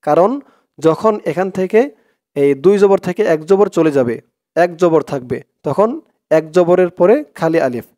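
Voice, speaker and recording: A man teaching Quran reading, explaining each letter and rule, then chanting the verse slowly and drawn out. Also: a little high, dark tone, dry recording, clean studio sound. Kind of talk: step-by-step recitation lesson.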